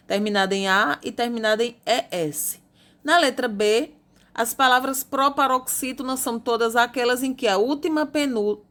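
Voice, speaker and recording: Patient Brazilian teacher woman, high voice. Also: fairly bright tone. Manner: patient, spells out rules slowly, uses diminutives. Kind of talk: recorded classroom lesson correcting homework.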